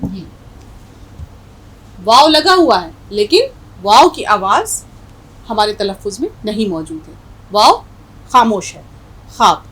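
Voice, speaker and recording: A woman's voice: mid-range voice, sing-song, takes it slowly, pauses often, a bit bright, breathy edge, rough recording. A woman teaching a Urdu language lesson, explaining words patiently and repeating each example with a North Indian Hindustani accent.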